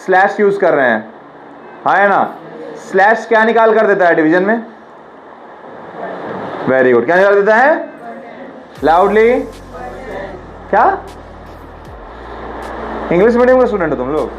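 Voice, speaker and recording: सवाल दोहराता हुआ हिंदी-अंग्रेज़ी शिक्षक. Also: male voice, high voice, sing-song, normal speed, long pauses, dull audio, a little hiss or hum. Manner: quizzing, repeats questions, drills pronunciation. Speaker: teacher. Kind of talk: classroom lecture.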